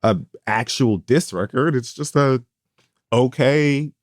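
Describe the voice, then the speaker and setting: A man's voice: mid-range voice, slow, no room sound, studio quality. A man co-hosting a podcast in casual, joking chat, sarcastic and swearing freely. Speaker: podcast co-host.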